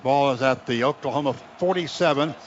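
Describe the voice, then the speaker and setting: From an outdoor football stadium, an American announcer handles live radio play-by-play of college football for the Oklahoma team. His mid-range voice moves fairly quickly through clipped descriptions, swelling into excited calls on major plays. The recording comes across dull and noisy.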